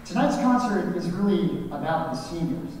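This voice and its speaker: A band director speaks to a concert crowd in a fairly high, friendly voice, proud of his students and not above a dry sarcastic aside. His words ring through a large, echoing school auditorium, picked up from a distance with a faint room hum behind. It sounds like an audience-facing announcement between pieces. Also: lively intonation, moderate pace, darkish tone. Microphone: distant mic. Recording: echoey auditorium from far off.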